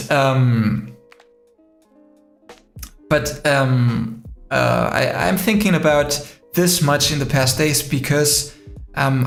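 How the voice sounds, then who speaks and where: Gravelly-voiced man hosting a live stream. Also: mid-range voice, reverberant. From Spain. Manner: rambling, many fillers, answers viewer comments. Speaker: drone live-stream host. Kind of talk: casual live-stream chat.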